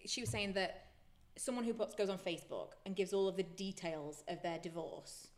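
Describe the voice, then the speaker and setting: A woman's voice: mid-range voice, moderate pace. A woman co-hosting a podcast, talking in a frank, reflective way in a casual chat. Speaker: podcast co-host.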